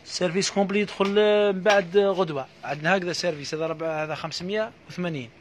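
A man with an Algerian accent giving a live sales pitch for housewares, reeling off prices in a quick patter full of repeated blessings. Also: slight background noise. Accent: Algerian Arabic. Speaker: housewares shop seller.

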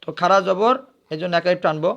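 A man teaches recitation. He spells words out letter by letter, asks questions and answers them himself, then chants the words slowly. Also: sits high, vocal fry, fairly bright tone, highs cut off.

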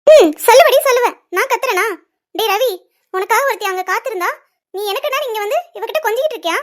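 A jealous, hot-tempered young woman in a cartoon serial. Her voice is very high, and she accuses and stands her ground. There is indignation in every line. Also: animated, quick pace, a bit bright. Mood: indignant.

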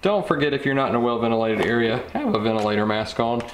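A young man talks casually through a hands-on project, relaxed and chatty. His mid-pitched voice is picked up by the camera mic and rings around a bare garage, with steady noise behind him. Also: fast. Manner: relaxed, chatty, thinking aloud with fillers. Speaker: fishing channel host. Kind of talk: casual how-to vlog. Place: home garage workshop. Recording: echoey garage with background noise.

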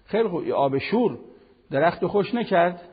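An older man giving a televised religious lesson, preaching in an animated, conversational way with everyday examples. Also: high voice, breathy edge, long reverb tail, highs cut off. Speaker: Quran teacher.

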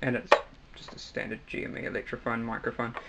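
Speaking from a cluttered little room in his home, a young New Zealand man films a hobby demonstration in a hesitant, stop-start way with frequent pauses. The voice sits at medium pitch, gravelly and flat. Background noise marks it as an amateur home recording.

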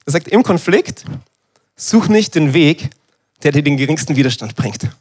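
A man, preaching a sermon in a lively, conversational way and acting out little dialogues. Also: fairly high pitch, moderate pace, husky.

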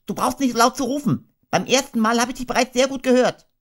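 Man doing a storybook rabbit, male, squeaky, fussy, prim, curt, cautious. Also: fast, fairly bright tone, full character voice. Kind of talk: audiobook character voice.

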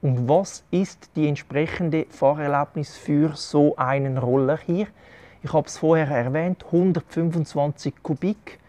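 A man's voice: fairly high pitch, mellow. A middle-aged man from Switzerland with a Swiss German accent, explaining things step by step to his viewers, recorded outdoors on a covered terrace with a lapel mic. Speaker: travel vlogger giving advice. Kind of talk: explanatory talk to camera. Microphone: clip-on lapel mic.

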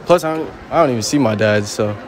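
A young man in his early twenties, with a mid-pitched voice, answers questions out on a city street. He talks in a relaxed, frank way and rambles in casual slang. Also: fast talker, some chatter behind. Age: young adult. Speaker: passer-by being interviewed.

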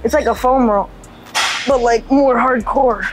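A woman's voice: a little high, unhurried. A young woman powerlifter chatting casually in a gym, rambling with lots of filler words, on a lapel mic. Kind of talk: casual vlog chat. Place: indoor gym. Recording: background music under the voice.

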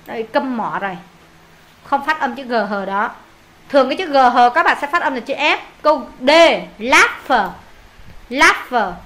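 A woman teacher with a Vietnamese accent leads an English pronunciation lesson, slowly repeating words for pupils to echo back. Her voice is high-pitched and a bit bright.

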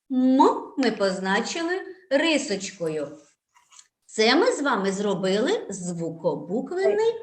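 A woman teaching young children to read, sounding out syllables patiently and slowly in a sing-song way. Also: medium pitch, roomy sound. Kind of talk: online preschool reading lesson.

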